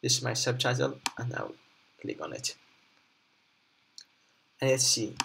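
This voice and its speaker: A man presenting an unscripted screen tutorial step by step, haltingly, often repeating and rephrasing his instructions. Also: mid-range voice, animated, vocal fry, a bit bright, slight background noise.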